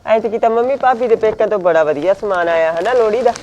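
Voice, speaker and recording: A woman's voice: medium pitch, quick pace, a little mellow, a little hiss or hum, lightly acted. A woman playing a sulky, demanding married daughter with an Indian Punjabi accent in a family drama. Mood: eager. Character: petulant married daughter, young adult. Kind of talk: amateur village family drama.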